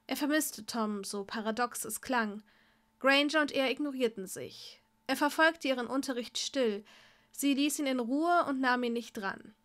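A woman reading fan fiction aloud in a steady storytelling voice. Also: high-pitched, unhurried. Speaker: story reader.

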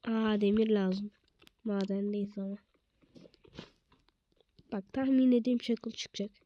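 A woman's voice: medium pitch, fairly even intonation, takes it slowly, warm tone, dull audio. A woman giving casual gameplay commentary as a streamer, swearing constantly in short blunt exclamations and slangy street talk.

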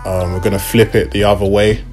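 A young man walks through a craft project in a low, easygoing voice, pausing on the odd um. Quiet hip hop plays underneath. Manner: relaxed, step-by-step explaining with fillers. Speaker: fashion DIY vlogger. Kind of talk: casual tutorial voice-over. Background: hip hop music.

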